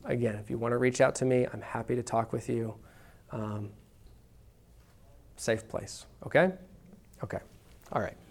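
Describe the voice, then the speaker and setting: A man's voice: mid-range voice, vocal fry. A man preaching a sermon to a congregation in a casual, conversational way, often checking in with "okay?". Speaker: pastor. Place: church room with congregation.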